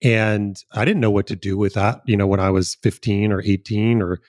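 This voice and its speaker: Low-voiced man, halting and dry. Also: fairly even intonation, a little mellow, no echo. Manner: halting, searching, many fillers. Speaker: podcast host. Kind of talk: conversational interview.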